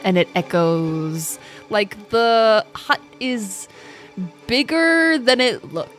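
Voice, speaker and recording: A woman game master improvising scene descriptions for a tabletop game in a hesitant, halting way. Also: fairly high pitch, expressive. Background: music.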